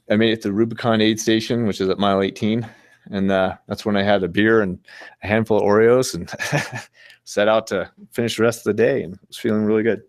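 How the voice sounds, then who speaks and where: A man's voice: fairly low pitch, no echo. A man giving a casual, rambling talk with slides, easygoing and chuckling often. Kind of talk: casual storytelling presentation with slides.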